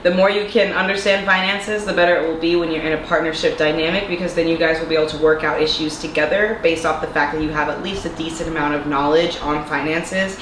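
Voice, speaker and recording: Speaking earnestly to camera, a young female vlogger with a bit of congestion runs through a casual monologue full of rhetorical questions. Her voice sits low and steady, and she talks fast with few pauses; the room is echoey with a faint hum of noise.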